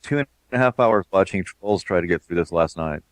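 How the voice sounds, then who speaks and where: Deep-voiced relaxed man. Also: brisk, a little hiss or hum. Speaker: game developer. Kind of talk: casual commentary.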